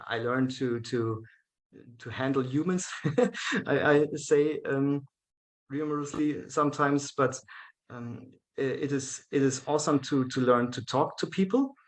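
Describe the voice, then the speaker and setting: Speaking English as his second language with a German accent, this event organizer chats casually as an interview guest over a video call, his pitch sitting in an ordinary middle range. His speech comes out in halting fragments full of "um"s and restarts, broken up by frequent laughter, and the recording quality is low.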